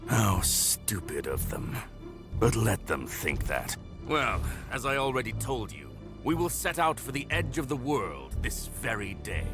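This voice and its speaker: Man playing a wolf villain, gravelly, contemptuous, sweeping pitch, game music behind. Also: big pitch swings, unhurried. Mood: commanding. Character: scheming gravelly male wolf pack leader.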